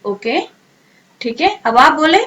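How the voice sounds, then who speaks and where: High, bright-voiced woman teaching vocabulary. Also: animated, rough recording. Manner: repeats questions and answers, slow drilled pronunciation. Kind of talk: vocabulary lesson with drills.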